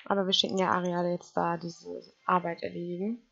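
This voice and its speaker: A woman's voice: lowish voice, flat delivery, a little fast, gravelly, fairly bright tone, highs cut off. A woman giving casual let's play commentary, chatting to her game characters and to her viewers.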